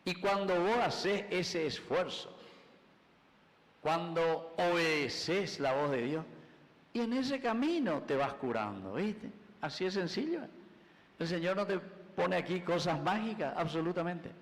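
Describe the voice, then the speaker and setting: Priest preaching in a reverberant church. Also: male voice, sits high, expressive, measured pace. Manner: preaching, swings between loud and soft, mixes in Guarani phrases. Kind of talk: sermon at Mass.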